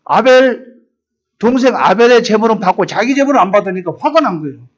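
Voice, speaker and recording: Male pastor, high-pitched, dramatic preaching delivery, muffled church recording. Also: animated, fairly quick. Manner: preaching with dramatic voiced quotes, rising to emphatic peaks. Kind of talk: sermon.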